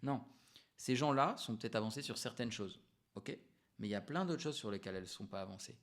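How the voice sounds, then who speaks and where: A man coaching entrepreneurs to camera in a relaxed, unscripted way, explaining ideas with emphatic repetitions and frequent hesitations. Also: mid-range voice, quick pace. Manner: frequent hesitations and self-corrections. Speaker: business coach.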